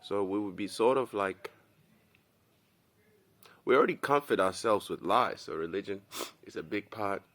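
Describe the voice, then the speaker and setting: A man's voice: fairly low pitch, normal speed, pauses often, fairly bright tone. A young man from Kenya giving a loose, rambling casual monologue to camera, tossing in "bro" as he talks. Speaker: commentary video host.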